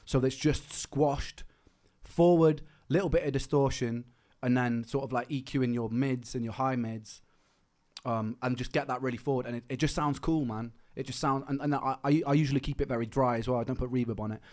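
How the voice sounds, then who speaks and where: A man's voice: mid-range voice, steady tone, brisk, a little mellow. A man chatting casually on a livestream, rambling through explanations with lots of restarts. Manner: rambling, explaining production and rhyme technique; frequent restarts and fillers like "man". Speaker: musician streaming.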